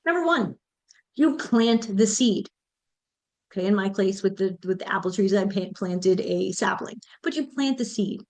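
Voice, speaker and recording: This American menopause mentor in her 50s speaks with a mid-range, darkish voice, lively intonation and a moderate pace. On her solo motivational podcast, she talks straight to listeners in an encouraging way.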